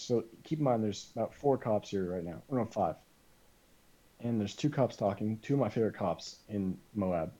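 Man, low voice, mellow tone, casual storytelling, slightly muffled audio. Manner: animated, full of "like" and quoted dialogue. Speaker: podcast guest.

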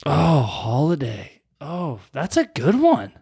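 A young man co-hosting a casual podcast, talking in quick animated bursts and laughing often. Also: a little high, vocal fry, husky, no echo, studio quality. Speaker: podcast co-host. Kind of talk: casual chat.

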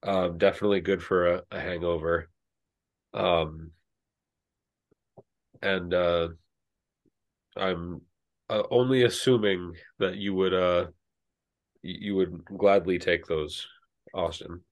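A man narrates a tabletop game as game master. His voice sits very low and he talks slowly. He fills the pauses with plenty of ums and uhs. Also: steady tone. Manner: unhurried, with many fillers.

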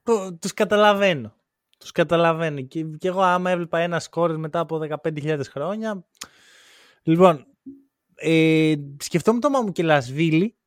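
A man's voice: high-pitched, fairly bright tone, no echo, clean studio sound. A man hosting a casual podcast chat with teasing, wry asides.

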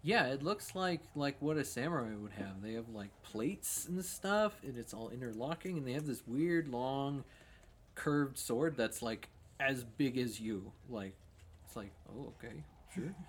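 A man's voice: mid-range voice, animated, slightly rough. Young man running a tabletop game. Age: young adult. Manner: casual, halting, with many fillers. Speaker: game master.

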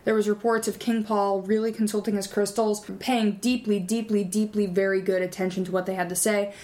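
Woman, comedy podcast co-host, deadpan storyteller, mid pitch. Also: fairly quick.

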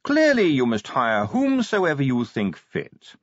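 Male reader voicing silky scheming ruler, measured, lively melody. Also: mid-range voice, no echo, pitched above the performer's own voice. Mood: suave. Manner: suave, measured, politely evasive. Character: smooth, calculating older male city ruler. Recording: dry, slightly dull audiobook recording.

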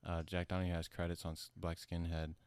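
A man who sounds high, talking casually about his music in a rambling, slangy, profane stoner manner. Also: completely flat delivery, fairly quick, darkish tone, clear, resonant tone, no echo. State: high from smoking. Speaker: musician being interviewed about own album. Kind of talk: casual chat.

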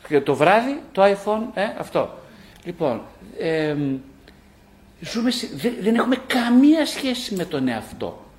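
A man's voice: sits high, very animated. A middle-aged man, a psychologist and author, giving a live talk to an audience, repeating short phrases and asking rhetorical questions. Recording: echoey room.

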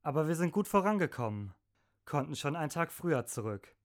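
A woman's voice: low-pitched, very animated, fairly quick, heavy background noise. A woman in a satirical stage comedy, speaking dryly and complaining.

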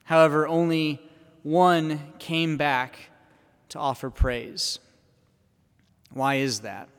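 A man, a priest, giving a Sunday homily at a pulpit microphone in a church, speaking in a measured way and posing questions to the congregation. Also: a little high, steady tone, smooth. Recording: long church reverb.

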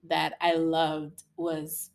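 Young woman, mid-20s, co-host; low pitch, thoughtful, encouraging. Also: monotone, drawn-out words, creaky. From United States. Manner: reflective, supportive backchannels. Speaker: podcast co-host. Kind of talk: casual chat.

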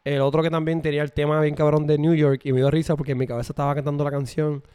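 A man's voice: on the high side, level tone, racing, warm tone, clear, resonant tone. A young man with a Puerto Rican accent, co-hosting a casual chat and dropping English words into his Spanish. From Puerto Rico. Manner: chatty, mixes English words into his speech. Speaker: podcast co-host.

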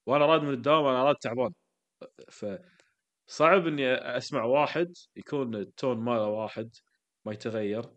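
A man's voice: medium pitch, fairly bright tone. A man, co-hosting a podcast in casual, teasing conversation. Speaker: podcast co-host. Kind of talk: casual chat.

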